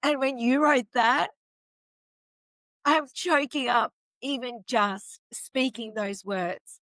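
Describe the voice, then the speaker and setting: Slow, emotional woman talk show host. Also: fairly high pitch, a bit bright, no echo, low-quality recording. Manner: effusive, emotional, leans on dramatic pauses. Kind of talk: warm interview reading quotes.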